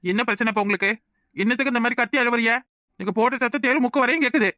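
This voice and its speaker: A man's voice: very high-pitched, very fast, bright, forceful tone, no echo, clean studio sound. A man voicing an irritable young village man in a cartoon, speaking curtly with a Kanyakumari Tamil accent. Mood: exasperated. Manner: curt, exasperated, scolding. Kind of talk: cartoon voice acting.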